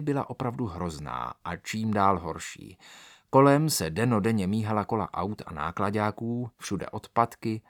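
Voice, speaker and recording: A man narrating a children's story aloud with expressive, animated delivery. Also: fairly low pitch, dry recording, clean studio sound.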